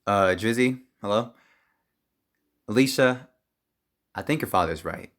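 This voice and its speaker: A man with a fairly low voice plays characters in a game roleplay. He talks with plenty of feeling, and his pitch leaps upward whenever his character gets worked up. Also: a little slow, fairly bright tone. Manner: emotional, pitch jumping up when upset. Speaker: roleplay player.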